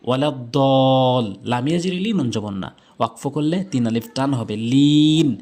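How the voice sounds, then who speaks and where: A man teaching Quran recitation, spelling out Arabic letters syllable by syllable and reciting verses in a drawn-out chant. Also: mid-range voice, expressive, warm tone. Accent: Bangladeshi Bengali. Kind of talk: tajweed lesson with chanted recitation.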